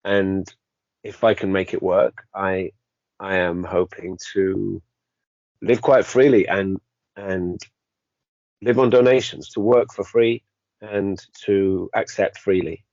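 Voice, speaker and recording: Older man, low-pitched, hesitant and reflective, podcast guest, dead-dry room. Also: steady tone, slow, a little mellow, no room sound. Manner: thoughtful, hesitant, many ums and restarts. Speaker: podcast guest, energy healer. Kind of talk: reflective interview talk. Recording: dry, slightly dull audio.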